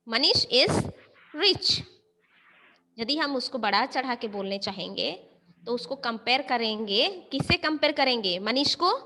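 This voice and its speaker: A school teacher with a fairly high, bright voice and a forceful tone conducts an online grammar class. Mixing Hindi and English, she regularly checks that her students understand.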